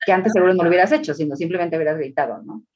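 Woman, reflective parenting chat, breathy tone, muffled lo-fi audio. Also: on the low side, rapid-fire, darkish tone. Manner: reflective, agreeing and adding her own examples. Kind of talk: casual chat.

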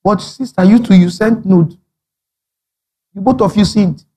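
Lively pastor, slightly high voice. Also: male voice, a little slow, husky. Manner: animated storytelling, acting out dialogue, frequent laughter. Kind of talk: sermon.

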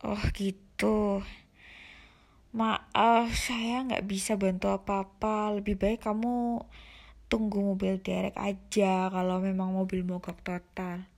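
A woman's voice: mid-range voice, level tone, slow pace, creaky, darkish tone. A woman voicing an older male senior driver with a thick Javanese accent, asking puzzled questions on a phone call. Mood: apologetic.

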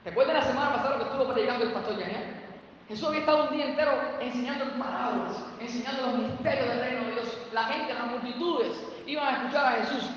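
A man's voice: very high voice, fast talker, fairly bright tone, slight background noise. A man with a Cuban accent preaching a sermon and telling scripture stories in his own words. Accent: Cuban Spanish. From Cuba. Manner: vivid storytelling, retells scripture scenes. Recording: echoey hall, distant mic, dull sound.

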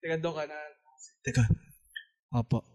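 A man's voice: a little high, normal speed, darkish tone. Teasing man hosting a show. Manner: teasing, joking, plays skits. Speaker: podcast host. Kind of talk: playful casual chat.

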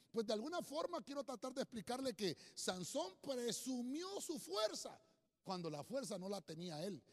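Male preacher, higher voice, keeps saying brother, joking asides, long hall reverb. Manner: calls listeners "brother" nearly every sentence; jokey asides, repeats words while thinking. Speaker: preacher teaching a Bible study. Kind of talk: sermon-style Bible teaching at a whiteboard.

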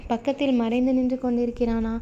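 A woman voicing a bold, quick-witted young woman who teases, in a storybook reading with faint hiss. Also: a little high, level tone, warm tone, muffled recording, natural voice. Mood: teasing.

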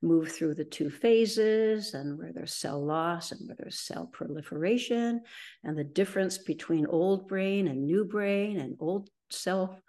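A woman's voice: lowish voice, darkish tone. A middle-aged woman, a guest in an interview, telling her story in a rambling way with frequent ums and restarts. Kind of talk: conversational storytelling.

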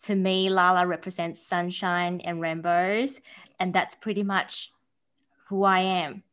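A woman in her thirties from Taiwan with an Australian-tinged accent, chatting as a podcast guest in a bubbly, animated way. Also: fairly low pitch, unhurried, clean tone. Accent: New Zealand and Australian. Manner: bubbly and animated, acting out quoted voices. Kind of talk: casual interview chat.

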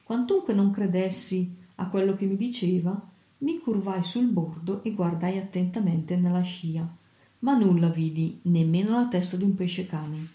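A woman narrating an old adventure novel in a steady, measured audiobook reading. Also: on the low side, roomy sound.

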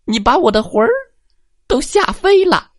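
A storyteller voicing a frightened, frail little old woman who shrieks in a high voice. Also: sing-song, normal speed, no echo, clean studio sound. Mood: shrieking. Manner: shrill, shrieking.

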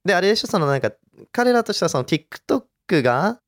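A man co-hosting a relaxed podcast chat, his pitch rising and falling in big lively swings. He talks loosely and laughs often. The sound is dry and close. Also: a little fast, dry recording. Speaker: podcast co-host. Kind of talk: casual chat.

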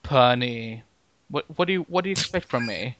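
A man co-hosting a podcast in casual chat, animated and jokey, laughing often. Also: medium pitch, normal speed, no echo, dull audio. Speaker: podcast co-host.

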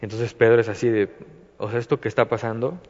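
A man's voice: mid-range voice, steady tone, fast. Rambling Mexican man in a reverberant room. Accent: Mexican Spanish. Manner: rambling, many fillers and restarts. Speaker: Bible study speaker. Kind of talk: informal devotional talk. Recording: dull, reverberant recording.

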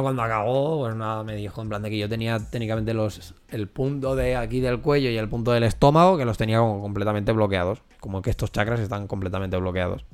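A man's voice: fairly low pitch, a little mellow, clear, resonant tone. Swearing man in casual chat. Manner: candid, swears a lot, many restarts. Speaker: podcast co-host.

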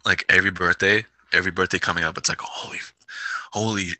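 A bright, forceful-sounding man in his twenties co-hosts a podcast in easy, rambling chat, laughing between thoughts. The sound is close and dry, with no room around it. His voice sits a little low. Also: fairly even intonation, fast, dry recording, poor audio. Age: 20s. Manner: laughs often, loose and rambling. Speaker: podcast co-host. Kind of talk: casual chat.

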